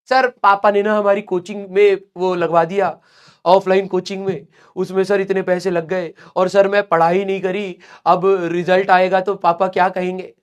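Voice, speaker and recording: A man's voice: sits high, level tone, moderate pace, smooth, close to an everyday voice. A man quoting a whiny lazy teenage student. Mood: pleading. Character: lazy teenage boy student making excuses.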